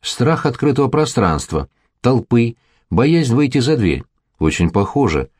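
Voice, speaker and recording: A man voicing a young woman who is teasing and caring in an audiobook, with a playful, gently mocking manner. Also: medium pitch, sing-song, measured pace, slightly rough, no echo, clean studio sound, voice pushed up. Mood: careful.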